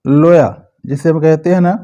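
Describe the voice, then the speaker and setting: Slow, mellow-voiced man drilling vowels. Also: fairly high pitch, lo-fi sound. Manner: repeats and stretches vowel sounds, corrects common mistakes. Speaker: English pronunciation teacher. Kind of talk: slow, drawn-out pronunciation drills.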